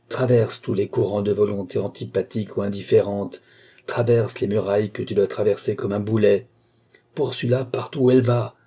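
A man's voice: fairly low pitch, mellow, slightly rough. A man voicing a feverish, obsessive male sorcerer who speaks in intense, willful incantations. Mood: commanding.

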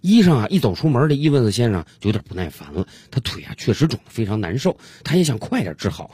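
A man's voice: mid-range voice, big pitch swings, fast talker, warm tone, breathy edge, no echo. A man hosting a radio comedy show, telling jokes in a chatty, colloquial way. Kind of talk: storytelling jokes.

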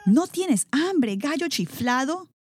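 A woman's voice: a little high, very animated, unhurried, mellow, slight background noise, voice pushed up. Woman doing a grumpy blustering mayor. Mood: scolding. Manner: scolding, blustering. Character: grumpy, bossy male village mayor. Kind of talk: storybook character voice.

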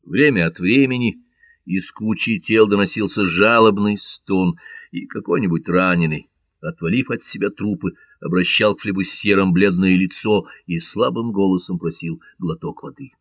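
A man reading an adventure audiobook in a measured, dramatic way. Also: low-pitched, no echo, muffled recording. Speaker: narrator. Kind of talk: audiobook narration.

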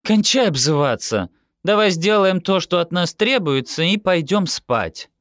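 A man's voice: high voice, animated, a little slow, a bit bright, dry recording, clean studio sound, pitched above the performer's own voice. A man reading an audiobook, voicing a blunt, hot-tempered adult sister who talks curtly and impatiently. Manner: curt, impatient.

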